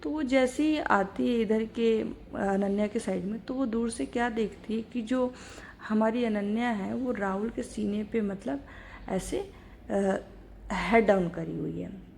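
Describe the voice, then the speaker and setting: A woman's voice: fairly high pitch, a little slow, creaky, darkish tone, slight background noise. A woman retelling a college love story in a chatty, casual way, full of fillers. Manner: chatty, filler-heavy, says "our" for characters.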